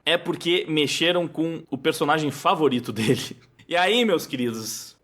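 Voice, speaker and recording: A man with a Brazilian Portuguese accent hosting a react video in casual, digressive commentary. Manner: chatty, digressive, lively pitch swings.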